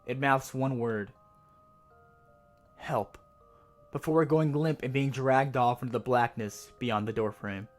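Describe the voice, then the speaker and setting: A man voices the first-person narrator of a creepypasta horror tale, a haunted figure whose terror keeps mounting. His medium-pitched, steady voice is lightly acted, measured, and suspenseful, stretching out the scary descriptions over a clear music bed in a horrified mood.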